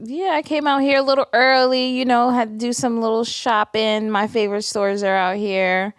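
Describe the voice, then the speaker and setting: Bright-voiced woman, dry studio sound. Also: fairly high pitch, fairly even intonation, moderate pace, clear, resonant tone, dry recording. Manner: playful storytelling, laughing. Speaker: podcast co-host. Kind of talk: casual chat.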